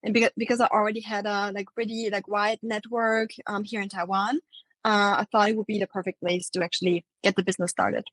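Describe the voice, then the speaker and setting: A woman's voice: mid-range voice, a little fast, dry recording, poor audio. A young woman from Austria talks easily in English as an interview guest. Her speech wanders and is filled with ums and likes, and her voice sits in a middle range. The recording is close and dry. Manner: relaxed, many fillers like um and like. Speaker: guest, marketing agency founder. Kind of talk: casual interview talk.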